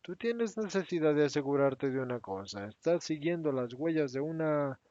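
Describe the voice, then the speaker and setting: A man's voice: mid-range voice, sing-song, a little slow, a little mellow, no echo. A man voicing Judas, a resentful and defensive adult apostle who protests in a raised, agitated voice. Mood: indignant. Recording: dry, slightly dull recording.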